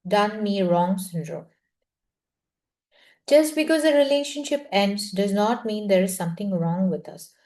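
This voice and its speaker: A woman, slowly reading a self-help book aloud and guiding a listening group through an affirmation in a soft, measured voice. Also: medium pitch. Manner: slow, soft and measured, with quiet half-whispered phrases. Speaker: book reading session leader.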